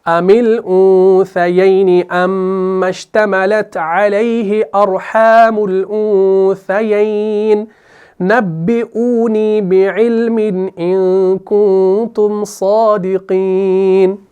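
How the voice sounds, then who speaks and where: A man reciting Quranic verses in a slow, drawn-out melodic chant. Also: high-pitched, flat delivery, a little mellow, clean tone, highs cut off.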